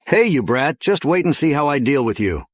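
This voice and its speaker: A man's voice: mid-range voice, sing-song, normal speed, no echo. A man dubbing a bossy, status-obsessed middle-aged father, recorded dry in a studio. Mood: blustering. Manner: blustering, bossy. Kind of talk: English drama dub.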